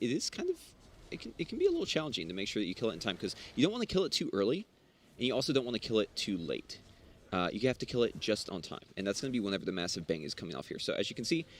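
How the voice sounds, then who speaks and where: A man's voice: on the low side, a little hiss or hum. A young man co-hosting a stream, giving casual live game commentary and explaining mechanics with lots of fillers and restarts. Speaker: stream co-host and caster.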